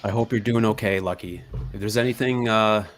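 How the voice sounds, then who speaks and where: A man, a guest on a livestream panel, talking casually in an earnest, halting way. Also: on the low side.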